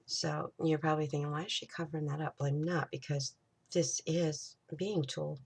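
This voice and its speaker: A woman's voice: low-pitched, level tone, moderate pace, vocal fry, darkish tone, breathy edge. A woman hosting a casual crafting tutorial, chatting and thinking aloud as she works, sometimes dropping to a whisper.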